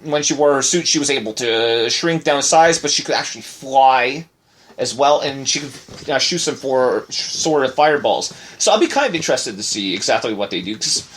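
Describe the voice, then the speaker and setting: A man's voice: medium pitch, animated, moderate pace, a bit bright. Rambling married man co-hosting a podcast. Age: adult, married. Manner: rambling, many fillers and restarts. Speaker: podcast co-host. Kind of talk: casual podcast chat.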